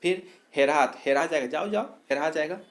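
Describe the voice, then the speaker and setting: A man's voice: a little high, normal speed. A man teaching a lesson on memory tricks, explaining step by step, asking himself questions and answering them, and correcting his own slips. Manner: explanatory, repeats points, asks and answers himself. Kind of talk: exam-prep mnemonic lesson.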